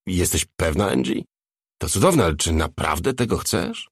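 A man voicing a smooth male executive who speaks with polite, coaxing concern. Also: sits low, sing-song, normal speed, dry recording, studio quality, heavily acted.

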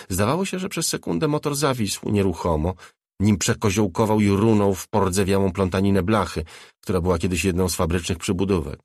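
A man narrating a novel as an audiobook, measured and even. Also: deep voice, slightly rough, no room sound, clean studio sound.

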